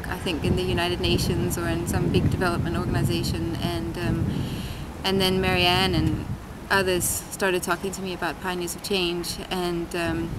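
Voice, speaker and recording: A Danish woman in her thirties gives reflective interview answers while seated at a street-side table outdoors by a tiled wall. Her fairly low voice is thoughtful, full of pauses, ums and restarts as she thinks aloud, with loud city traffic noise behind her.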